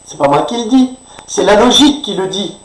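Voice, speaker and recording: A man's voice: sits high, lively intonation, a little fast. Indignant man ranting in an echoey room. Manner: indignant, sarcastic, frequent tag "hein". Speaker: commentator. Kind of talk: political rant monologue. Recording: echoey room, voice far from mic.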